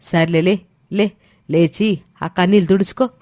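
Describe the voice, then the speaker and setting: A woman voicing a proud, stern middle-aged mother-in-law in a storybook drama, speaking forcefully. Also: fairly low pitch, steady tone, normal speed, dry recording, studio quality, natural voice. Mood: tender. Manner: forceful, scolding.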